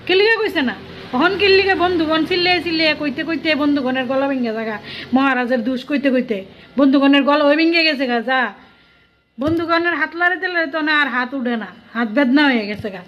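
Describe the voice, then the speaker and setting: A woman's voice: sits high, a little fast. A woman delivering a sarcastic political rant full of rhetorical questions. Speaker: political vlogger. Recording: dull lo-fi audio.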